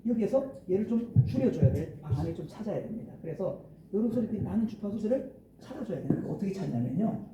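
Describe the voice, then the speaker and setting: This live, hands-on sound workshop features an audio lecturer explaining church mixer settings step by step while counting into a handheld microphone over the PA in a large hall. He talks fast in a high, very animated voice. The distant recording is roomy and dull, with crowd noise underneath.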